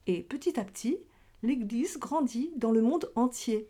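The catechism teacher's voice is warm, expressive, and on the high side, and she keeps a measured pace. Her children's religion lesson unfolds as a question-and-answer dialogue with simple explanations for young listeners.

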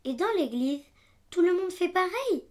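A woman's voice: very high voice, big pitch swings, normal speed, darkish tone. A female pupil in a scripted children's lesson, speaking simply and inquisitively. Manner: short, simple, inquisitive questions. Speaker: pupil asking questions.

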